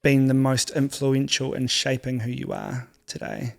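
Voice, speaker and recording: Easygoing male podcast host, gravelly fry, quick to laugh, encouraging. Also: mid-range voice, steady tone. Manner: easygoing, supportive, laughs often. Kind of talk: casual interview chat.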